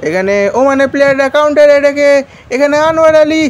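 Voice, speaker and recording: A man giving excited, frantic football play-by-play, swinging from quick calls to drawn-out shouted exclamations. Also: very high voice. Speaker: football commentator.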